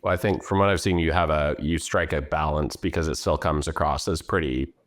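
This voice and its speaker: A man's voice: rumbling low, fairly quick, no room sound. A man hosting a podcast, upbeat and enthusiastic while interviewing a guest. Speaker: podcast host.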